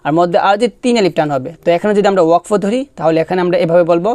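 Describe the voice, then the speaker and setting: A man teaching recitation, spelling out each syllable patiently and drawing the verses out in a slow chant between brisk explanations. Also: high voice, darkish tone, no echo. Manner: patient, repeats syllables for students to follow.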